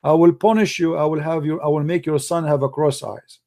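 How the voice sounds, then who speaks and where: A man's voice: fairly high pitch, fairly even intonation, brisk, warm tone, lightly acted. A man mimicking a petty scolding male god. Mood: mock scolding. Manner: mocking, exaggerated scolding.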